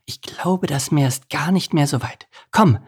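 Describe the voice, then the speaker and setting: A man putting on an excitable young fish. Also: unhurried, breathy edge. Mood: curious. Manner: high, bouncy, excited squeals. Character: excitable young male fish, eager and cheerful. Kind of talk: storybook reading.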